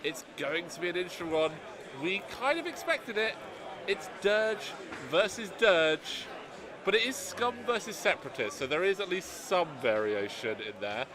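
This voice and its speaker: A British man hosts and commentates a tabletop tournament live, his slightly high voice projected loudly enough to carry. He's chatty and quick to make fun of himself, with the hall's lively crowd chatter clearly audible behind him.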